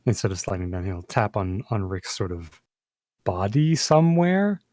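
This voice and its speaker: A man's voice: on the low side, big pitch swings, normal speed, darkish tone, no room sound. A man improvising as a player in a tabletop role-playing game, hesitantly searching for his words.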